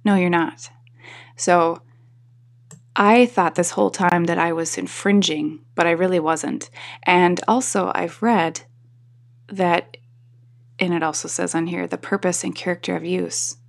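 Lady podcaster w sleepy husky morning voice, kinda low n crackly, just rambling along. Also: fairly even intonation, unhurried, long pauses. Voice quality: husky, slightly deeper morning voice. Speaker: podcast host. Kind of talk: casual solo talk to listeners.

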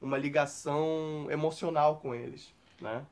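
A man's voice: a little high, steady tone, moderate pace, vocal fry. Candid Brazilian man on a panel. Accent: Brazilian Portuguese. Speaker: podcast panelist.

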